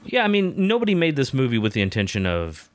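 A man co-hosting a podcast, giving his take on a film in a relaxed, casual way with wry asides. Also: medium pitch, fast, dry recording. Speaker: podcast co-host reviewing a film. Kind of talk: casual conversation.

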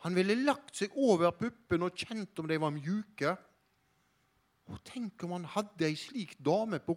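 A man with a somewhat high voice reads a children's story aloud. His narration is calm and even. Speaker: reader. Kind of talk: reading a children's book aloud.

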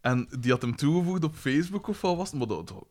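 A man's voice: on the high side, very animated, a little mellow. A man in his thirties, podcast co-host, chatting casually and joking while telling gossip. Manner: joking, fast-talking gossip. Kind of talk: casual chat.

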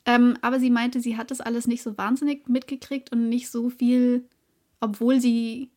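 A young woman in her twenties chatting as a podcast co-host, her voice sitting a little high. She hesitates often with fillers and breaks into laughter as she talks. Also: level tone, normal speed, dark tone. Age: 20s. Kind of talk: casual chat.

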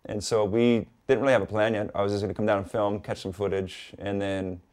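A man from Hawaii, a guest in a casual interview, talking in a relaxed, rambling way with lots of "like" and "you know.". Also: lowish voice, a little fast.

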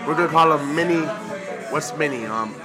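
A podcast co-host with a fairly high-pitched voice talks a little fast, trading casual, jokey, boastful banter. His talk is slangy and he says "bro" constantly, with music playing behind him.

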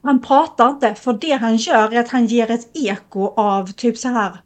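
A young woman co-hosting a podcast, retelling a scary film in a lively, casual way and acting out the lines of the people in it. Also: on the high side. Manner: animated retelling, acts out quotes. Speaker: podcast co-host. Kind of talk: casual storytelling chat.

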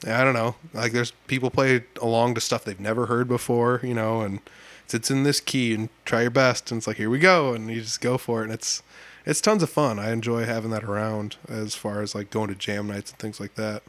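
A man hosting a casual chat in a studio, telling lively stories and acting out quotes. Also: mid-range voice, fairly quick, no room sound. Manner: animated storyteller, acts out quotes. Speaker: podcast host.

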